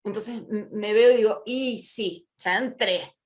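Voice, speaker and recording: A woman's voice: medium pitch, a little slow. A woman, teaching a live online workshop in a chatty way, checking in with her listeners and acting out small scenes. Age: 50s. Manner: conversational, asks "¿sí?" often, acts out little quoted scenes.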